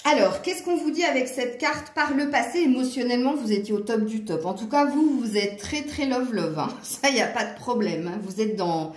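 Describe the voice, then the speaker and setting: A woman's voice: a little high, moderate pace, hardly any pauses, reverberant. A woman with a southern French accent giving a chatty tarot reading straight to her viewers, laughing often between remarks. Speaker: tarot card reader.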